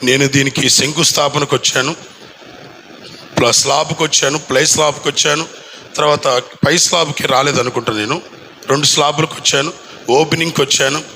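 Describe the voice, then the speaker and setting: A male pastor delivers a fervent sermon, hammering on repeated rhetorical questions and stretching some lines into a chant. His voice sits high and carries a gravelly edge. The tone is strikingly sharp, with faint traffic in the background. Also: poor audio. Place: church anniversary gathering in a village.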